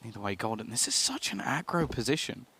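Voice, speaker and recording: A man's voice: medium pitch, big pitch swings, brisk, very noisy. A man commentating a match play-by-play as an esports caster. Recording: loud gunfire in game feed.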